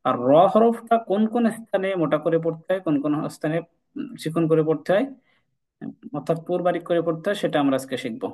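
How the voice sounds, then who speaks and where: A man with a somewhat high voice leads an informal Quran recitation class. He explains each rule patiently, says key points twice and slows right down to chant the Arabic examples. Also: a little mellow, poor audio. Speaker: Quran teacher.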